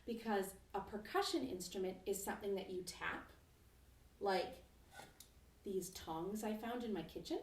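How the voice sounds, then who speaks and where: A woman music teacher leading a children's lesson at home, speaking gently and encouragingly and singing slow, simple verses. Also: mid-range voice, animated, slight background noise. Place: home, kitchen nearby. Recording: roomy echo from a distance.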